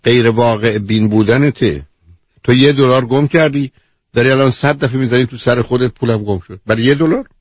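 A man's voice: medium pitch, husky, dry recording, lo-fi sound. A man hosting a call-in advice show, bluntly interrupting and lecturing the caller. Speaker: radio advice host. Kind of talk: call-in counselling.

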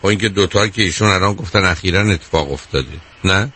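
A man's voice: low-pitched, bright, forceful tone, breathy edge. A man hosting a call-in advice show as a psychologist, asking callers blunt, probing questions. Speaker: psychologist radio host.

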